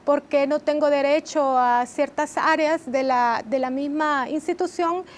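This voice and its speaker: High-voiced woman explaining calmly. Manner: measured, explanatory, with frequent rhetorical tag questions. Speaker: interview guest, training head. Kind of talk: TV interview answers.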